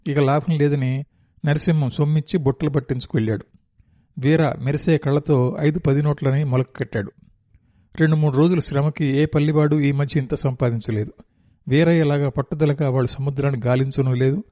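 A man reading a novel aloud as narrator, in a steady, descriptive storytelling manner. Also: fairly high pitch, fairly quick, no room sound.

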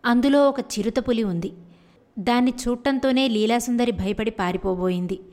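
A woman storyteller reading a children's fairy tale aloud in a steady, unhurried way. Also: on the high side.

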